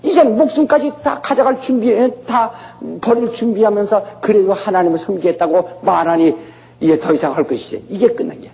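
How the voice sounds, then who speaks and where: Gravelly, dramatic male preacher in echoey hall. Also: sits high, fairly quick, mellow. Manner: dramatic storytelling, acting out voices. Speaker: pastor. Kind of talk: sermon. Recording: echoey hall, dull lo-fi sound.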